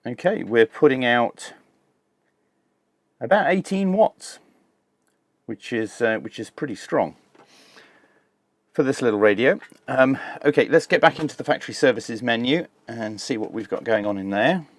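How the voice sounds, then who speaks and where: A man with a mid-range voice walks through a hands-on technical demo, explaining as he goes in a measured, informal way like a review channel host. He sounds animated, and the recording is dry with almost no room in it.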